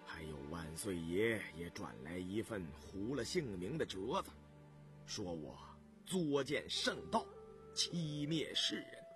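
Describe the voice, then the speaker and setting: A man voicing a tired, ailing middle-aged male official who speaks low and self-mockingly, for an audiobook. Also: big pitch swings, slow, fairly bright tone, faint music behind, full character voice. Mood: weary. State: exhausted.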